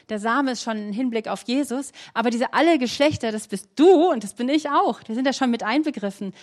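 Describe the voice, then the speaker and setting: A woman with a slightly high voice preaches an earnest sermon, putting questions to her listeners and reading scripture slowly and with emphasis.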